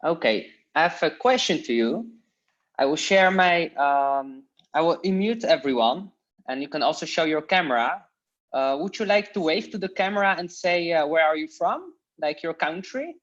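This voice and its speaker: Her voice is deep and animated, moving at a moderate pace. She's a Polish woman leading an informal Dutch class online, offering instructions in a friendly, halting way with fillers, captured by a computer mic on a video call with dull, low-fidelity audio.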